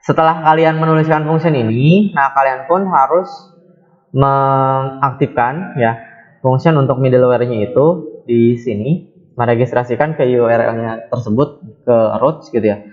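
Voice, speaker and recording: A programming tutor records his screen while giving a coding tutorial, speaking unhurriedly with many fillers and self-corrections. His mid-range voice moves at normal speed, and the high frequencies are cut off.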